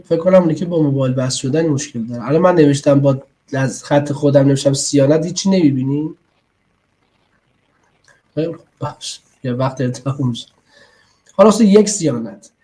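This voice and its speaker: Mellow-voiced man teaching an online class. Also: on the high side. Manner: explanatory, conversational, checks in with listeners. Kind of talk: online lecture.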